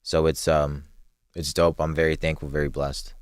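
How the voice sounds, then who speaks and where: A young man with a very deep, low voice talks as a podcast guest. He is relaxed and slangy and laughs easily. The sound is dry and close to the mic. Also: moderate pace, clear, resonant tone, dry recording. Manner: laid-back, laughs often, street slang. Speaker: podcast guest, clothing brand co-owner. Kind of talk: casual podcast chat.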